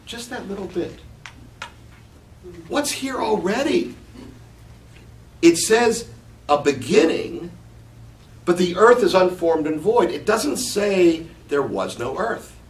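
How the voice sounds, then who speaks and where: A man teaching from scripture in a slow, reflective way, explaining the meaning of Hebrew words. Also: sits high, sing-song. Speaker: Bible teacher. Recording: echoey room, mic at a distance, faint background noise.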